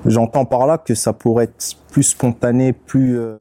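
A man, a rapper and beatmaker, speaking as a guest in a casual interview, relaxed and unhurried, often pausing to search for his words. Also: mid-range voice. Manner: relaxed, unhurried, with many fillers and restarts.

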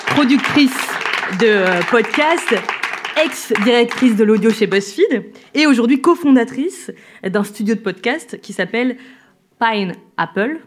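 A woman's voice: on the high side, expressive, measured pace, some chatter behind, slight background noise. A woman hosting a live event on stage, introducing jury members and guests in a chatty, self-deprecating way with many fillers. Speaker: event host. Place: event stage before an audience.

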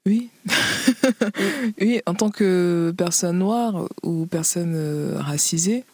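A woman's voice: lowish voice, takes it slowly, dark tone. A woman author from the Paris region, interviewed, speaking hesitantly with many fillers and frequent laughs. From Paris region, France. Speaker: author guest. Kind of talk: interview conversation.

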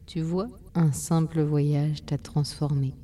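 A woman voicing Time, an old being living inside a stone, speaking softly, deeply and slowly. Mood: calm, slow. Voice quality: soft and deep. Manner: slow, calm, unhurried.

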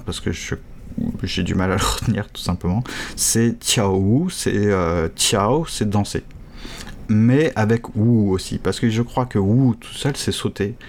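A man with a fairly low voice talks through a casual language lesson. He speaks haltingly, restarts often and drops in some slang. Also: a little mellow, slight background noise. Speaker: Chinese language teacher.

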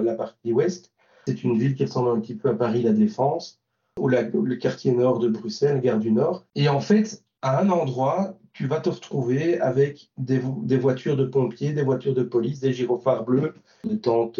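A medium-pitched, dark-toned male voice belongs to a volunteer driver from Belgium telling an interviewer about a trip. His account is hesitant and packed with fillers and restarts, captured in a distant, roomy, dull lo-fi recording.

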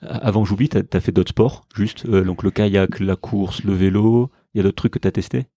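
A man hosting a podcast interview, asking loose, rambling questions and often answering with a quick "ouais". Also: lowish voice, fairly even intonation, dark tone, no echo, clean studio sound. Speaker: podcast host.

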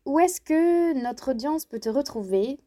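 A woman hosting a podcast who interviews her guest warmly, encourages him, and reads a scripted sign-off. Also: high-pitched, expressive, measured pace. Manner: upbeat and encouraging. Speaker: podcast host. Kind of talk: casual interview and scripted outro.

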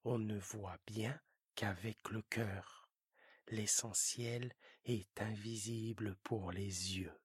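A narrator voicing a wise, patient fox in a whispered role-play, lower and slow. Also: steady tone, husky, dry recording, studio quality. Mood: tender. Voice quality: low, hushed, slow.

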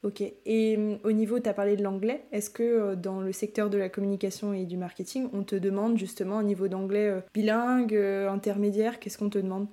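Casting: woman podcast host, warm mellow tone, curious interviewer. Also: mid-range voice, little pitch movement, brisk, hardly any pauses. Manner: curious, friendly questioning, sums up answers. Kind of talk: casual interview questions.

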